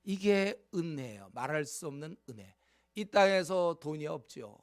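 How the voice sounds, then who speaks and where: A man's voice: a little high, animated, normal speed, no room sound, clean studio sound. A male pastor preaching a sermon, earnestly urging his congregation, with frequent fillers and direct questions to the listeners.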